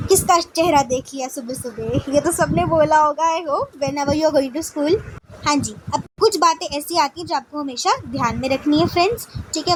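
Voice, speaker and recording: A woman teacher giving a grammar lesson who keeps asking "okay, friends?" and mixes English words into her talk. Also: high voice. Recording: noisy recording.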